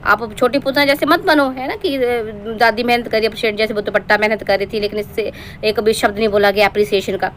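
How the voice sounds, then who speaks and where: A woman's voice: medium pitch, steady tone, fast talker, hardly any pauses, a little hiss or hum. A woman from Himachal Pradesh giving a scolding, sarcastic roast monologue as a reaction-channel commentator, lecturing her target at length.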